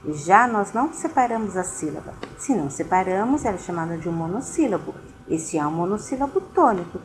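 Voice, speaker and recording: A woman's voice: fairly low pitch, expressive, fairly quick, a crowd in the background, low-quality recording. A woman teacher giving a recorded lesson, explaining patiently and speaking directly to her students.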